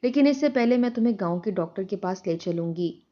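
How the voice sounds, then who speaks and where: A woman's voice: mid-range voice, animated, dark tone, close to an everyday voice. Anxious, fretful village mother voiced by a woman, plain storybook reading, dull sound. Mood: stern. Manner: pleading, fretful.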